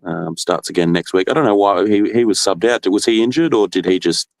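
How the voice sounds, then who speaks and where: A man, a guest caller, giving casual and understated opinions in a measured way. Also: fairly low pitch, gravelly, no echo. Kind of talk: casual chat.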